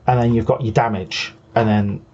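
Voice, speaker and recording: A man's voice: fairly low pitch, steady tone, normal speed, a little mellow, lo-fi sound, slight background noise. A man co-hosting a hobby show, patiently explaining game rules in casual chat and often restarting his sentences. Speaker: co-host.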